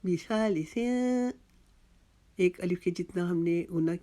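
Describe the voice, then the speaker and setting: A Quran recitation teacher, slowly explaining tajweed and repeating each word, drawing out chanted words. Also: steady tone, dark tone. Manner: slow, patient, repeats each word and drills pronunciation; chants the verse words drawn out and higher.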